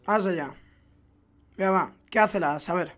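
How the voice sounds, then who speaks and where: Excitable young Spanish gaming commentator. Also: male voice, high voice, a little fast. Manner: excitable, laughing, jokey reactions with sudden loud outbursts. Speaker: gaming video host. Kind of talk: casual gameplay commentary.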